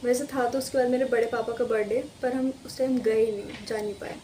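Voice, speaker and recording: A woman's voice: a little high, fairly even intonation, fairly quick, warm tone, a little hiss or hum. A woman chatting casually to her viewers in an unboxing vlog, rambling and speaking to them directly from a room at home. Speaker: vlogger.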